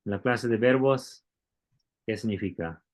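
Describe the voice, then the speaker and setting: A man's voice: lowish voice, a little slow, darkish tone. A man teaching a Bible Greek class, explaining step by step and asking the students questions. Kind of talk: classroom lecture.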